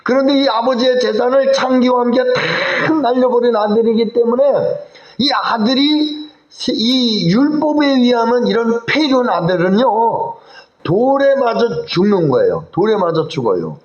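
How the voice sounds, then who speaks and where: Animated man preaching a sermon. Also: very high voice, a little slow, echoey room, highs cut off. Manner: animated, asks the congregation questions. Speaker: pastor. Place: church sanctuary.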